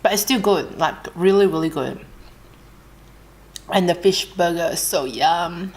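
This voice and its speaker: An Australian woman chatting casually while she eats, relaxed and unhurried, pausing between bites with soft hums. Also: lowish voice. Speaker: mukbang vlogger. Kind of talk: casual chat while eating.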